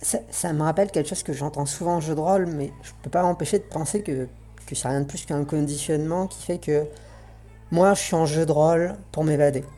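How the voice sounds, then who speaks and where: A woman's voice run through a voice changer, pitched low and mellow. She speaks in an earnest, reflective way, pausing to find her words. Faint music plays underneath. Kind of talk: spoken essay on roleplaying games.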